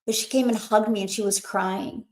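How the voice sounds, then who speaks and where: A woman's voice: medium pitch, fairly even intonation, normal speed, darkish tone, echoey room, poor audio. A woman hosting a motivational webinar, talking in a chatty, emphatic way with lots of fillers. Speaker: webinar host.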